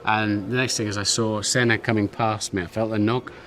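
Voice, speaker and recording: Ex racing driver telling a race story, lowish voice, calm. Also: male voice, moderate pace, faint music behind. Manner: matter-of-fact storytelling. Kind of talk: documentary interview recollection.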